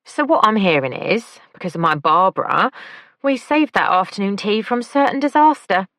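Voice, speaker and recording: A woman's voice: medium pitch, lively intonation, moderate pace, a bit bright, dry recording, pitched above the performer's own voice. A woman voicing a flamboyant, playful young male pastry chef in an audiobook. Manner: playful, camp, teasing.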